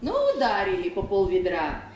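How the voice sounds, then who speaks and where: A woman with a telling a bawdy folk tale in a lively, sing-song way. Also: fairly low pitch, normal speed. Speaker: folk storyteller. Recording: echoey field recording, faint hiss.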